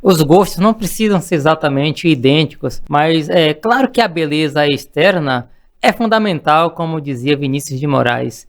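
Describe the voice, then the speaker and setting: Gravelly man, formal podcast guest. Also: fairly high pitch, lively intonation, moderate pace. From Salvador, Bahia, Brazil. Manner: formal, elaborate phrasing. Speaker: lawyer, podcast guest expert. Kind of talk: casual podcast chat.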